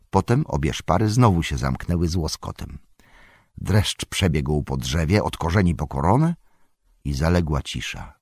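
A man narrating an audiobook with a deep, low voice. His reading is lively, the pitch swinging widely as he tells the story. The sound is dry and close to the mic. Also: husky, no room sound.

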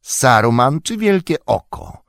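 A man's voice: medium pitch, very animated, takes it slowly, creaky, a bit bright, no echo, clean studio sound, voice pushed up, full character voice. A man voicing a scheming, vicious male orc who speaks in a mocking, sneering way that is less coarse than the other orcs in an audiobook reading. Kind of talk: audiobook character voice.

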